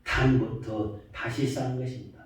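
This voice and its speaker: A man preaching a sermon as pastor, slow and emphatic, often rising into questions. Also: medium pitch, flat delivery. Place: church sanctuary. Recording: echoey church hall, mic far off.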